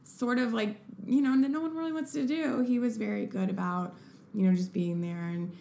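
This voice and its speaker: A young woman talks in a relaxed, upbeat way, her voice slipping into a gravelly fry. Her speech is loose and full of filler words. The room adds a noticeable echo. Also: fairly high pitch, fairly quick, a little hiss or hum. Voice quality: upbeat, casual, filler-heavy. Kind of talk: casual chat. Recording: echoey room.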